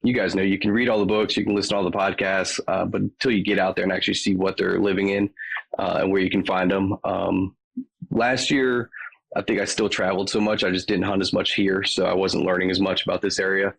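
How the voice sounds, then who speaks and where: A man's voice: sits low, flat delivery, brisk, gravelly, a bit bright, poor audio. A man with a Southern US accent, a podcast guest chatting casually and rambling with many ums. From Virginia. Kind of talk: casual chat.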